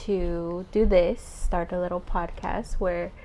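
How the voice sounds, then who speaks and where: A young woman in her twenties with a somewhat low voice chats easily as a podcast co-host. She laughs often and fills her pauses with "um" and "like." A faint hiss sits under the recording. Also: steady tone. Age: 20s. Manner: giggly, chatty, frequent "um" and "like". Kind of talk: casual chat.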